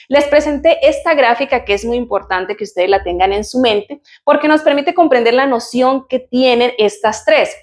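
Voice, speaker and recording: A woman whose first language is Spanish, teaching an English lesson and patiently repeating each model word slowly. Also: a little high. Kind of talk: recorded online lesson, explaining grammar.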